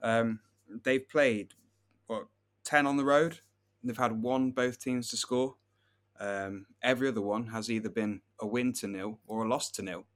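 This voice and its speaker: A man co-hosting a football betting podcast, running through odds and trends in a relaxed, steady way. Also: medium pitch, normal speed. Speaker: podcast co-host, betting tipster. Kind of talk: casual football betting chat.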